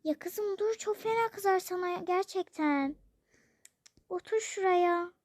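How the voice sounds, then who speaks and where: A child voicing a gentle, worried mother who comforts her daughter in a toy role-play. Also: extremely high pitch, slow, no echo. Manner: soft and soothing, often hushed.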